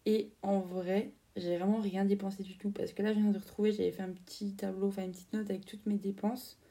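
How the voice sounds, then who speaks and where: Telling a story on her podcast, the same twenties-aged Frenchwoman keeps it loose and chatty, packed with fillers and slang. Her medium-pitched voice sounds very dark and mellow with a gravelly edge, and her flat delivery runs a little fast. She sits somewhat back, so she's recorded from a distance.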